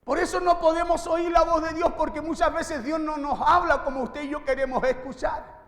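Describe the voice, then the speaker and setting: Male pastor, very high voice, sermon in a reverberant church hall. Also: little pitch movement, normal speed, fairly bright tone. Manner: preaching with rhetorical questions to the congregation.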